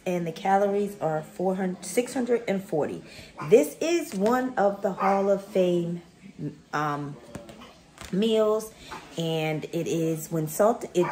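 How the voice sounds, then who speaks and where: Her voice lowish and a little mellow, a middle-aged woman chats casually in her home kitchen, reading recipe steps aloud for a cook-along vlog. The camera rests on the counter, and the recording picks up a roomy echo from the kitchen.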